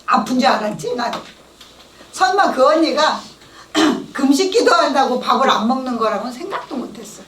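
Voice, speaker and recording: A middle-aged woman giving a church testimony, telling her story in a lively way and acting out the voices of the people she quotes. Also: high voice, moderate pace, a little hiss or hum. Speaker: testimony speaker. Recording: echoey hall, mic at a distance.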